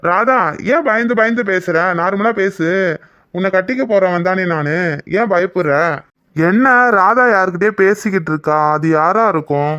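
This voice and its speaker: A performer voicing a young cartoon lover with a bright, clean voice. He is protective and a little possessive, teasing his sweetheart fondly. The sound is dry and close. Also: mid-range voice, moderate pace, dry recording, lo-fi sound, close to an everyday voice. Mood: curious. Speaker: cartoon character. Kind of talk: Tamil cartoon voice acting.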